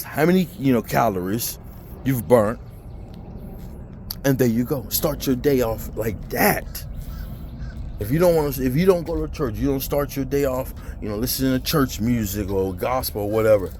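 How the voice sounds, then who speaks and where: A man's voice: mid-range voice, darkish tone, a little hiss or hum. A man in a blunt, preachy motivational rant, cursing and mimicking people who make excuses. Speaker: motivational vlogger.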